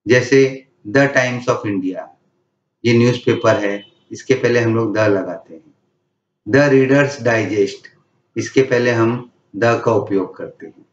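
Slow, deliberate male grammar teacher. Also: mid-range voice, far from the mic. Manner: reads English rules slowly, then explains in Hindi. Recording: echoey room, dull lo-fi sound.

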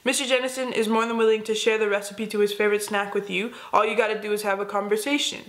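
A woman's voice: mid-range voice, level tone, fast talker. Sarcastic teen girl narrating. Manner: sarcastic, teasing. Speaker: student video host. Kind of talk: comic scripted narration. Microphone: close camera, plain wall.

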